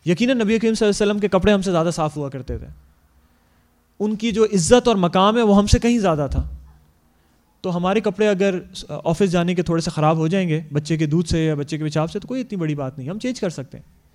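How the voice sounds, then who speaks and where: A man with a notably high-pitched voice talks earnestly to parents about bringing up young children. He explains point by point and often slips English words into his sentences. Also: darkish tone. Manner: acts out parents' quoted lines. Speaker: speaker on Islamic parenting. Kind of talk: advice talk to parents.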